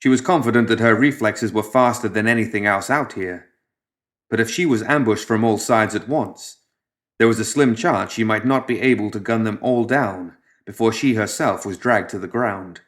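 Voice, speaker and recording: A man with a fairly low voice reads scripted fiction as an audiobook narrator. His delivery is dramatic and unhurried, falling softer as each phrase ends.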